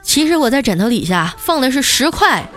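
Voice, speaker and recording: Lady doing a bossy suspicious wife, snappy and high, lively voice. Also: fairly quick. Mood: scolding. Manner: snappy and scolding. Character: sharp-tongued suspicious young wife.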